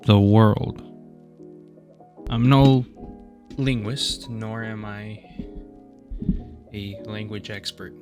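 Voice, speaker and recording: A laid-back young man with a medium-pitched voice presents his class project in a casual voice-over. The student speaks in a relaxed way, dropping self-deprecating asides, while faint guitar music plays behind him.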